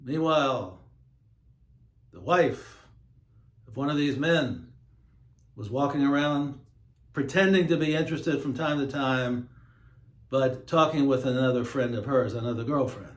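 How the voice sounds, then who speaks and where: A man hosting his own show, talking in a slow, emphatic, preachy monologue. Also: mid-range voice, echoey room. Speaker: host. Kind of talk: monologue to camera.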